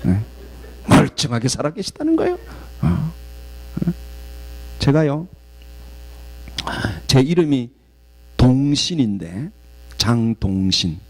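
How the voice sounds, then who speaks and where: A man from southeastern Korea, a guest pastor preaching a sermon and telling stories in an animated way. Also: medium pitch, slow pace, long pauses, slight background noise. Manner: animated storytelling, acts out quoted voices.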